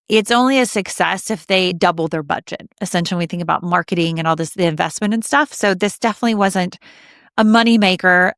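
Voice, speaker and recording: Southern American woman, 30s, animated podcast co-host, dry close mic. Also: lowish voice, clean tone, no echo. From Southern United States. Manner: chatty and animated, quick restarts. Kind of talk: casual film podcast chat.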